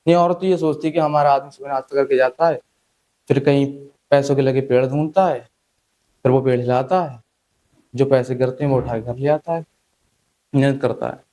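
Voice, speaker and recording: A man's voice: mid-range voice, dark tone, low-quality recording. A young man doing a stand-up comedy set, chatty and teasing the crowd, acting out the people he quotes.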